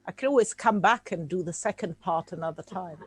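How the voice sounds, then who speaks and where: A woman from Czechoslovakia, a native Czech speaker, gives an informal talk as a guest speaker over a video call, hesitant and full of fillers and restarts. Her voice is lowish with a breathy edge, and she speaks fairly quickly.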